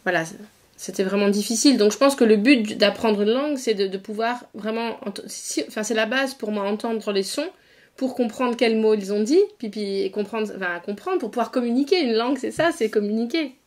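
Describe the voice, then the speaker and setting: In this casual conversational interview, the podcast host is a woman from northeast France who speaks fairly quickly in a fairly high voice. She keeps things relaxed and frequently hums her agreement.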